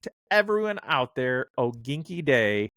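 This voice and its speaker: A man's voice: mid-range voice, sing-song, measured pace, a bit bright, no room sound, clean studio sound. A man hosting a podcast, chatting casually and rambling with lots of fillers and restarts. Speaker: podcast host.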